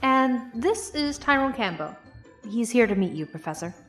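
In an audio drama, a woman plays a candid, chatty young graduate student explaining something conversationally. Her voice is slightly high, expressive and fairly bright, at a moderate pace, with faint music behind.

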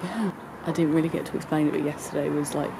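Hungover young woman vlogging, lowish voice. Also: steady tone, quick pace, gravelly, background noise. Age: young adult. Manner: low-key and hungover. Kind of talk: casual handheld travel vlog chat. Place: outdoors in a garden and inside a house. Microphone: handheld camera at arm's length.

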